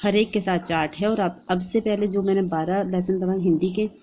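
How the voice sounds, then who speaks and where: A woman with a Hindi accent explaining a lesson plan step by step in a steady, instructive way, as a teacher-training vlogger. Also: mid-range voice, fairly quick, a little hiss or hum. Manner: steady instructive delivery, reading out and dictating.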